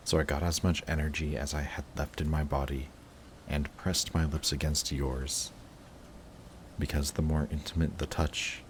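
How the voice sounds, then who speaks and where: In a dramatic audio roleplay, a man plays an emotional villain confessing to his longtime enemy, his rumbling low voice intense, halting and defensive. The mood is bitter and subdued, with a little hiss or hum in the recording.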